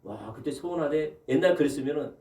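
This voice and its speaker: Captured from afar in an echoey church hall, a pastor preaches to his congregation in the sanctuary. His voice is a little high and fairly quick, and his lively sermon is punctuated by rhetorical questions and calls of amen.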